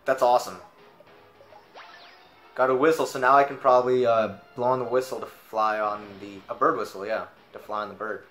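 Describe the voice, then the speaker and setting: A man's voice: mid-range voice, fairly even intonation, a little fast, fairly bright tone. A young man hosting a gaming channel, chatting casually in let's play commentary and reading game text aloud. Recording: roomy room echo. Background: faint game music.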